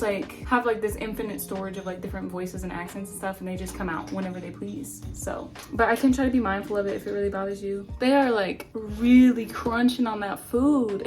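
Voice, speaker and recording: A woman's voice: mid-range voice, a little mellow. A young woman vlogging casually in her home kitchen while she bakes, rambling and self-deprecating, with lots of fillers. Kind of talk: casual chat while baking. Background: faint lofi music.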